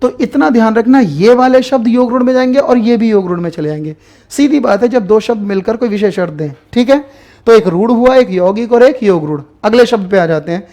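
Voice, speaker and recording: A man with a fairly high voice teaching an exam-prep grammar lesson as he writes on a board. He goes over the definitions patiently and repeats the key terms. He asks the class a question and then answers it himself. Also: a little fast, warm tone.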